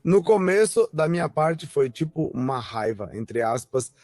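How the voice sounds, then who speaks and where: A man's voice: a little high, very animated, unhurried, darkish tone, no room sound, soft background music. A young man recalling his family in an earnest, reflective documentary testimony. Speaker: brother interviewed.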